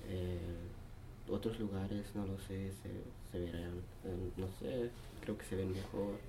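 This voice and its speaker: A man's voice: low-pitched, fairly even intonation, measured pace, background noise. A man giving short, hesitant answers in a conversation. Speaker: young immigrant guest. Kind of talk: casual conversation.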